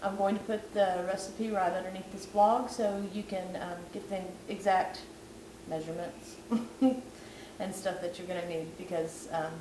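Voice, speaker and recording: Late at night in her kitchen, a woman who is losing her voice walks viewers through a recipe in a chatty, self-mocking vlog style. Her mid-range voice stays fairly even and unhurried. The recording picks up kitchen echo and background noise from a distance.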